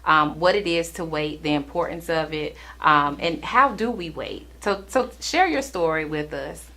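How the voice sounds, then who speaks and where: A woman's voice: low voice, unhurried, sharp tone. A woman hosting a talk show in a conversational style.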